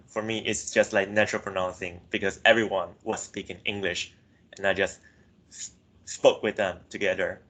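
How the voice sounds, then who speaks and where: A young man who grew up in Myanmar presents research findings to a class in a fairly low, bright and forceful voice. He is hesitant, leaning heavily on "like" and often correcting himself mid-sentence. The recording quality is low.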